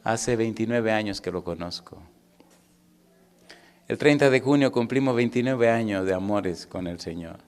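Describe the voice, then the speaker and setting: Middle-aged male pastor, sermon delivery, swings loud to hushed. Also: on the low side, moderate pace. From Caribbean. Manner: storytelling, swings from loud and animated to hushed and intimate; asks the congregation questions.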